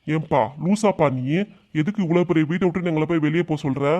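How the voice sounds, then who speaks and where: Brief: cartoon son, whiny and mother-dependent, brisk complaints, voiced by a man. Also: fairly high pitch, darkish tone, close to an everyday voice. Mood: complaining. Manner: complaining, quick.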